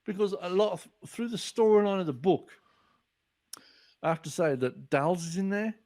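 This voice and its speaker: A man in his forties sits in as a guest author on a relaxed podcast, his voice high and his pace moderate. He tells stories with energy, dramatizing what people said.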